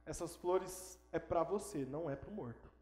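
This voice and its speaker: A man's voice: on the high side, moderate pace, a little mellow. A male pastor giving an emphatic sermon in church, driving points home by repeating words. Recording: echoey church hall.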